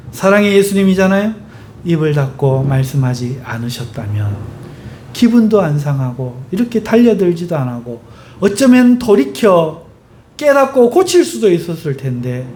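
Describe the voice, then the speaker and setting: Male pastor, sermon, rhetorical questions, fairly high voice, faint hiss behind. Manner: rhetorical questions, lively emphatic delivery.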